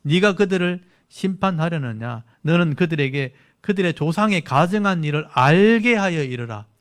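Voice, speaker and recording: A man's voice: fairly high pitch, expressive, normal speed, natural voice. A male pastor reading God's words aloud in a stern, angry tone, as if God is rebuking the elders. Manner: stern, indignant scripture reading.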